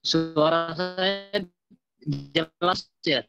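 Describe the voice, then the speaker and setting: Prayer leader on a breaking-up call line: slow, halting, dull lo-fi audio, faint music behind. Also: medium pitch, fairly even intonation. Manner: checks repeatedly whether they can be heard. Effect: voice breaking up over an online call. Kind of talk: leading prayer in an online cell group. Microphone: video call.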